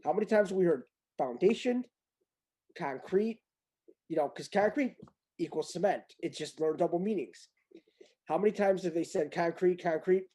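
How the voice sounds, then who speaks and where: A man's voice: high voice, moderate pace, long pauses, dark tone, breathy edge. A man in a casual commentary chat who reads aloud from a document, rambling and repeating himself in disbelief. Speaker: guest reading a document aloud.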